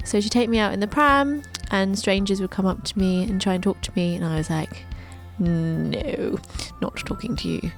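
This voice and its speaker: A woman's voice: mid-range voice, brisk, few pauses, soft background music. A woman, narrating her own life story with chatty, joking asides. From England. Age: 20s. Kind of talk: scripted narration over a drawing video.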